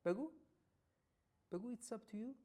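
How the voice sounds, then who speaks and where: A woman teaching everyday English phrases in a casual lesson, saying each phrase slowly and then explaining it quickly. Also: fairly high pitch, expressive. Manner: praises the listener warmly when coaching them to repeat.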